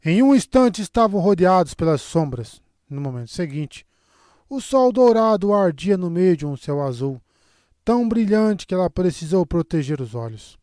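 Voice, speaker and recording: A man with a Brazilian Portuguese accent reading an audiobook in a steady, measured way. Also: sits high, no room sound, studio quality. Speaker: audiobook narrator. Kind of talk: audiobook narration.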